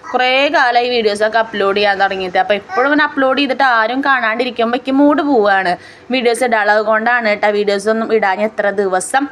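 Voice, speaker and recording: A woman from the tells her family's day in a chatty voice-over. She talks quickly and her voice sits a little high. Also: fairly bright tone. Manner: chatty, tells the story step by step. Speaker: family vlogger. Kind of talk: casual voice-over narration.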